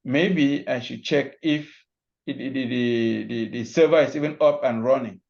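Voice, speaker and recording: A Cameroonian man who works as a cloud security expert describes his workday during an online panel talk, speaking over muffled video-call audio. His mid-range voice is gravelly, darkish and unhurried, and he explains loosely, often restarting, walking through examples one step at a time.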